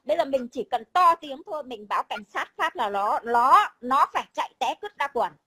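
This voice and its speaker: Brief: woman, high voice, blunt and combative, salty language. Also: animated, normal speed, bright, forceful tone, breathy edge, low-quality recording. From Vietnam. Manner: blunt, combative, swears, keeps repeating a tag word. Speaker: overseas Vietnamese guest. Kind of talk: casual chat.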